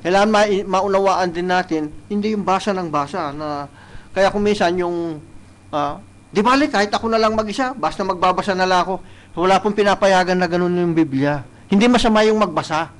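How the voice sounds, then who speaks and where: A male preacher delivering a live church sermon. He mixes Tagalog and English, often checks in with "no?", and reads scripture slowly and deliberately. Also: sits high, poor audio. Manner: switches between Tagalog and English, tagging points with "no?". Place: church service, streamed live.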